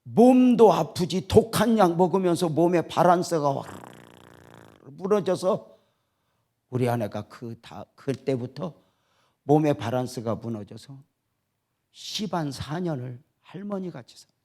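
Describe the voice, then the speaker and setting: A male pastor delivers a revival sermon, his somewhat high voice climbing and falling in wide, lively swings. He drops to near whispers for quiet moments and then surges back up with feeling. The sound comes from inside a church sanctuary. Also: a little slow. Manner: swings between hushed quoted dialogue and rising emotional preaching.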